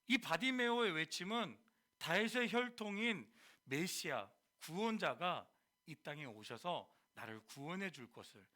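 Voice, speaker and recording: Male youth preacher, sermon to teens, very lively intonation, quizzes the audience. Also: high voice. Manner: animated, quizzes the audience, mixes casual speech. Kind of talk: sermon to high schoolers.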